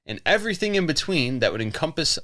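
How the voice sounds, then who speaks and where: A man's voice: on the high side, big pitch swings, fast talker, bright, forceful tone. A man co-hosting a casual podcast, telling a history story with lots of jokes and giggles. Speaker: podcast co-host. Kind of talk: casual chat.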